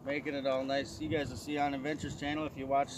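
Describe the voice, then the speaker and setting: A man's voice: mid-range voice, level tone, fast. A middle-aged man hosting a casual vlog outdoors, speaking to a camera a few feet away. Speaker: host of dip review show. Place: outdoors in a gravel lot by woods. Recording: noisy outdoor camera audio.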